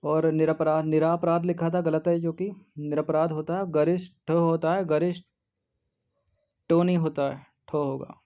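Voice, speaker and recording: A male tutor walks through a test paper methodically, reading each option aloud and ruling it out. His voice is mellow and fairly high, but his delivery stays level and flat. The recording sounds dull and lo-fi. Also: moderate pace. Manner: methodical, reads options aloud and eliminates them one by one. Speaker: exam-prep teacher. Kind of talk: explaining a Hindi test paper.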